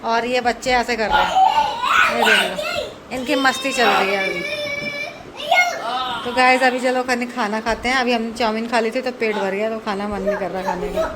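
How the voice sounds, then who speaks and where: Mother in her 30s hosting a home vlog on a phone camera; conversational, slightly higher pitch, steady background noise. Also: moderate pace, pauses often. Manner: chatty, scolds children in sharp higher bursts. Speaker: vlogger mother. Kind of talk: casual family vlog narration. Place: home and outdoors in rain.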